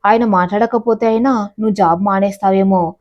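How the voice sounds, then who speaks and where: A woman's voice: medium pitch, fairly even intonation, a little fast, dull audio, lightly acted. A woman voicing a teasing, wry mother in a family story.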